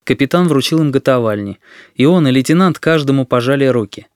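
A man narrating a story in an even, steady storytelling manner. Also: medium pitch, a little fast, no echo, studio quality. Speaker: audiobook narrator. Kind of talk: scripted narration.

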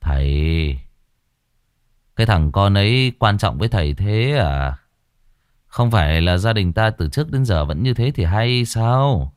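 A spiteful, scheming grown son, as a storyteller puts him on, speaking low and sly with a taunting edge. The voice sits deeper than the narration and its pitch swings in lively turns. The sound is close and dry. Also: male voice, unhurried, clean tone, no echo. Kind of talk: storytelling voice acting.

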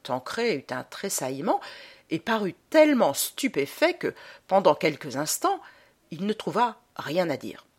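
A woman narrates a short story for an audiobook. Her voice sits low but rises and falls expressively, measured in its delivery. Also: huge pitch swings. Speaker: reader.

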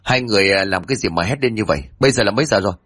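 Man doing a gruff master of the house. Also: fairly low pitch, rapid-fire, a bit bright. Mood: stern. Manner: gruff, commanding. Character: middle-aged master of the house, stern.

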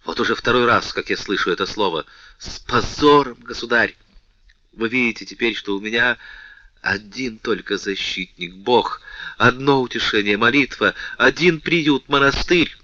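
A man reading the part of a gentle young woman in grief, tearful and imploring. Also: mid-range voice, normal speed, no echo, highs cut off, close to an everyday voice. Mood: despairing. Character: meek young woman, grieving, pleading. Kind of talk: audiobook character reading.

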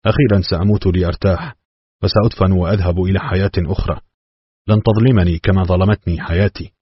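A man reads a dying old father in an audiobook, grave and defiant. The voice is deep and husky, and the recording sounds dull and dry. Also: fairly even intonation, fast talker, dry recording. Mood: bitter, defiant. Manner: impassioned, grave.

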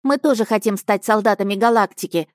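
Woman doing a timid, squeaky young boy. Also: a little fast, no echo, clean studio sound, natural voice. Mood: nervous. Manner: shaky, pleading, high childlike voice. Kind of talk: audiobook character reading.

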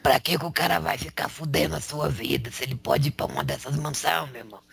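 A man channeling a male spirit who preaches in a slangy, raspy whisper, tagging lines with rhetorical questions. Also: on the high side, fast talker, fairly bright tone. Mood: preaching. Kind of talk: spiritual counsel.

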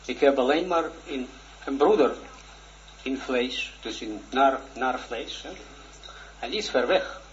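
A man in his forties, a religious teacher, giving a shy, earnest personal testimony in a lesson, halting and full of restarts. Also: mid-range voice. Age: 40s. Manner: halting, hesitant, with many restarts. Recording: dull lo-fi recording with faint noise.

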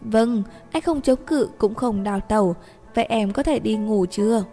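Woman reading as a patient, soft-spoken young man. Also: a little high, normal speed, close to an everyday voice. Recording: reverberant room with faint music.

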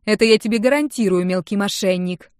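A woman's voice: medium pitch, brisk, smooth, dry recording, studio quality, lightly acted. A woman reading an audiobook, voicing a domineering wealthy middle-aged mother who talks with sarcasm and scorn. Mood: angry. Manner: sarcastic, venomous, raising her voice.

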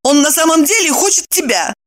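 A woman doing a shrill, hot-tempered younger sister. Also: big pitch swings, fairly quick. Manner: shrill, snapping and shouting. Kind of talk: audiobook character voice.

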